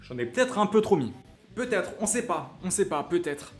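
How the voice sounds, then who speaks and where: Young male streamer, high and animated, jokey live-cooking chatter, off-mic at times, faint music bed. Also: normal speed. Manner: excitable, jokey, reads chat aloud. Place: home kitchen.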